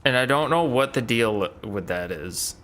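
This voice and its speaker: A man's voice: mid-range voice, lively intonation, a little slow, a bit bright. A man giving casual gameplay commentary with dry, sarcastic asides. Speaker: let's play streamer.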